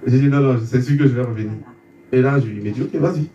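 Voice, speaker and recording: A man tells his story in a mellow, warm voice, stumbling over repeated words as he acts out the exchanges. He sits back from the mic in a roomy space, and a faint hum runs underneath. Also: mid-range voice, fast talker, recorded from a distance, dull audio. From Côte d'Ivoire. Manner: stumbling repetitions, re-enacting dialogue. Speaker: guest giving a testimony. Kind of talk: conversion testimony, storytelling.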